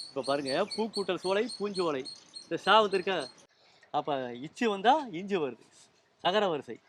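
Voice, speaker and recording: A man's voice: high-pitched, normal speed, noisy background. A man teaching language and spelling rules to a small group, patient and explanatory, often checking with questions. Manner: patient, quizzes listeners with repeated questions.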